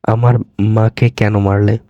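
A man voicing a machine-like engineered young woman who speaks slowly, breaking words syllable by syllable, in an audio story. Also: fairly low pitch, flat delivery, dry recording, highs cut off, natural voice. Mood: soft, halting. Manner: slow, broken syllable by syllable.

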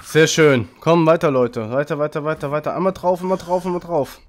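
A man commentating his own online shooter match, frantic and loud, urging his team on and cursing opponents. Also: a little high, brisk. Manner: frantic, urging teammates, swearing at enemies. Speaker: gaming channel host. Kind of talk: excited live game commentary.

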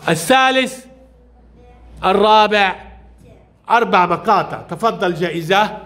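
A male primary school teacher leading a classroom reading lesson with young children, asking brisk questions and praising each answer. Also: high-pitched, animated, a bit bright.

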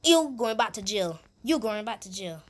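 A woman's voice: mid-range voice, big pitch swings, moderate pace, a little hiss or hum, voice pushed down, close to an everyday voice. A woman voicing a stern guard who bluntly taunts a prisoner. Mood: taunting.

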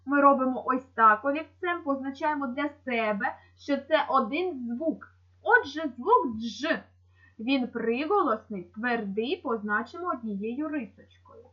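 A woman's voice: high-pitched, measured pace, hardly any pauses, highs cut off. A woman teaching young children in a video lesson in Ukrainian-accented speech, patiently explaining each step. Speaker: primary school teacher.

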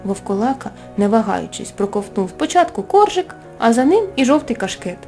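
A woman, the author, reading her own fairy tale aloud as storybook narration, expressive and animated. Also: a little high, normal speed. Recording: soft music underneath.

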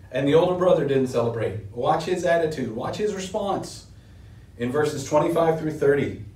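Standing at a lectern in a small room, a middle-aged pastor delivers an earnest sermon in a darkish voice, building pitch and force whenever he hits a key point. He's recorded from a distance, with a roomy echo.

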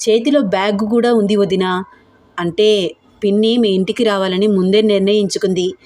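A woman voicing a frank, lively young woman who reassures her sister-in-law. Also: mid-range voice, moderate pace, close to an everyday voice.

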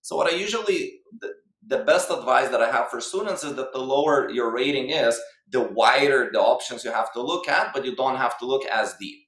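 A man's voice: medium pitch, a little fast, a bit bright, roomy sound. A man in his thirties from Lithuania, giving explanatory interview answers as a guest coach over a video call. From Lithuania or former Soviet region. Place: plain room indoors. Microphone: video call, webcam distance.

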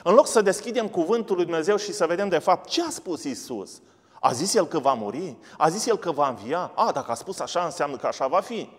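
A man's voice: fairly high pitch, lively intonation, breathy edge, in a large hall. A man preaching a sermon, asking and answering his own questions as he goes. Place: church studio.

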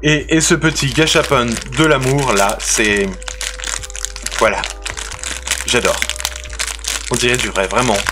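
A man's voice: medium pitch, fairly even intonation, slow, pauses often, over music. A man hosting a casual unboxing video, chatty and playful, often restarting his sentences. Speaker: unboxing channel host.

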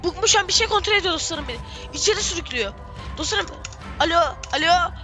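Squeaky, frantic young gamer. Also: expressive, quick pace, music in the background. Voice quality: squeaky, shrill. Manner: frantic, repeats phrases over and over. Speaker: gaming streamer. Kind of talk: excited gameplay commentary.

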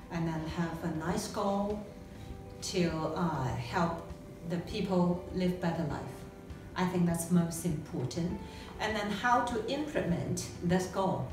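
A middle-aged woman, an English speaker from China, answering an interview slowly and with many fillers. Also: on the low side. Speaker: legal affairs expert, interviewee. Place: living room at home. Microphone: far camera. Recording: echoey room from far off.

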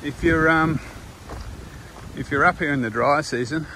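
A man's voice: a little high, a little slow. An older man around his sixties with an Australian accent chats casually and colloquially as he records a walking vlog. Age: older, around 60s. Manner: laid-back, rambling, colloquial. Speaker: vlogger. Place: outdoors on a windy coastal walking path. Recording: clear wind and outdoor ambient noise.

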